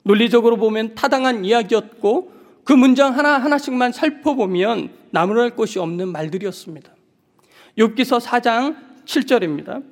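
A man preaching a sermon as pastor, earnest and measured with soft pauses. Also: extremely high pitch. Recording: long reverb of a large hall.

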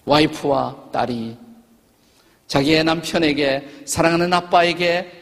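A man's voice: a little high, unhurried, a bit bright. A man in his sixties, a pastor telling stories in a sermon with an earnest manner. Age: 60s. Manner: earnest storytelling preacher. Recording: long reverb of a large church hall.

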